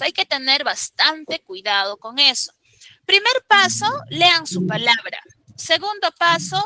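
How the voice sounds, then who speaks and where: Bright high-voiced woman teaching a class, dry close sound, keeps quizzing students. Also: no room sound, poor audio. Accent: Peruvian Spanish. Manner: emphatic, questioning students step by step. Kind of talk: classroom grammar lesson.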